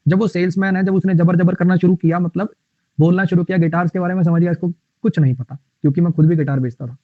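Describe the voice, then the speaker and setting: A man teaching English vocabulary in a live online class. He explains words with playful mnemonics and reads the English example sentences slowly. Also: sits high, fairly even intonation, no echo. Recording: tinny, phone-like line.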